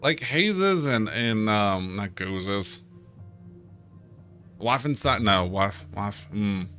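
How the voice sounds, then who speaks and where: Male streamer, bright tense voice, reads game text aloud with puns, faint music under him. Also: lowish voice, expressive, drawn-out words. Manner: playful, stumbling over words, reads in-game posts aloud. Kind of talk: casual let's-play commentary.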